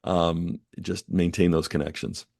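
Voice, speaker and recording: This is a man with a deep, low voice, talking as a podcast guest. He sounds earnest and reflective and often fills his pauses with "um" and "you know." The recording is dry and close, with no room sound. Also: level tone, gravelly, a little mellow, no echo. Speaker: guest author and editor. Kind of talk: conversational podcast interview.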